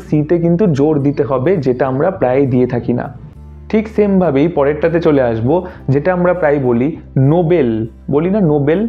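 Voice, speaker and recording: A man from India giving a casual video lesson on English pronunciation, friendly and playful, slowing down to stress each corrected word. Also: a little high, lo-fi sound.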